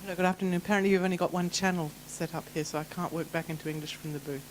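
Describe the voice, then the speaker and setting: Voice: mid-range voice, steady tone, racing, slight background noise, low-quality recording. Interpreter giving a spoken summary.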